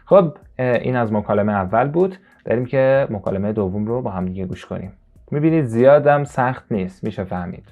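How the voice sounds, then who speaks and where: Low-voiced man teaching English. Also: lively intonation, phone-quality sound. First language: Persian. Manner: slow, drawn-out repetition of English phrases. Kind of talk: language lesson.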